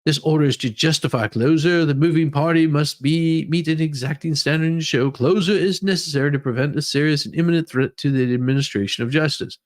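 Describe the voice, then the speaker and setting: Hosting a livestream, a man dramatically reads legal documents aloud and adds informal, rambling commentary, often repeating words. His voice is fairly high, and he speaks briskly with few pauses.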